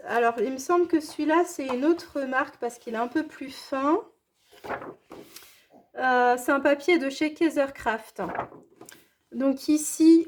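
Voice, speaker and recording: A high-voiced woman talks through her unboxing in a relaxed, chatty way. She gushes with enthusiasm and keeps coming back to the same words of praise. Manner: enthusiastic, gushing, repeats praise. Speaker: scrapbooking vlogger. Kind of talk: casual unboxing chat.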